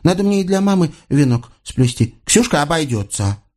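A man's voice: a little high, big pitch swings, normal speed, a little mellow, voice pushed up. A man voicing a chatty, naive little Cossack girl who talks innocently.

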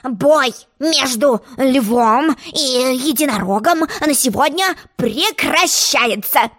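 A woman's voice: sits high, lively intonation, a bit bright, voice pushed up, full character voice. Woman voicing a pompous fussy storybook king. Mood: haughty. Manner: slow, exclaiming, self-important. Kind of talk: storybook narration.

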